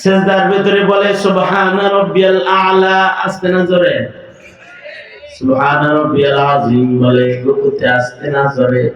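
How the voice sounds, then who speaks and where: A male preacher giving a rousing open-air sermon, calling out to the crowd and chanting phrases over loudspeakers. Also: a little high. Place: outdoor religious gathering over loudspeakers. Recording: echoey PA sound from far off, dull.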